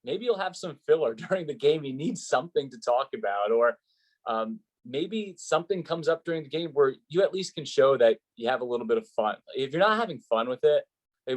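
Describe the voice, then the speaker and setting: Speaking in a mid-range voice, a sports play-by-play announcer chats in an interview and explains his advice earnestly and emphatically.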